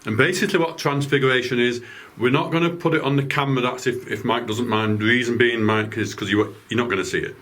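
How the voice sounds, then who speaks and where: A man leading a night-time ghost hunt as a medium, calm and reassuring, often stumbling over his words. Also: mid-range voice, quick pace, hardly any pauses. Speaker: medium leading a paranormal investigation. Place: indoors in a house at night.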